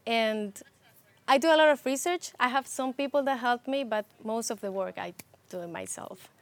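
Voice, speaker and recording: Woman, Ecuadorian-born, interview guest, hesitant restarts, soft laughs. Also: on the high side, moderate pace. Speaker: interview guest, TV producer and host. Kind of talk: casual interview conversation.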